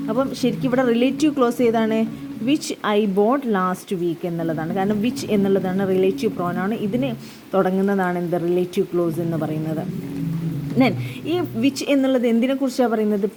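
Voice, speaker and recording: A woman's voice: fairly high pitch, noisy background. A woman teacher with a Malayali accent explaining English grammar, switching between English and Malayalam and answering her own questions.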